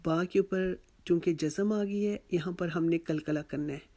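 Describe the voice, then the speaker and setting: A Quran recitation teacher, slowly explaining tajweed and repeating each word, drawing out chanted words. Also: warm tone. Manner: slow, patient, repeats each word and drills pronunciation; chants the verse words drawn out and higher.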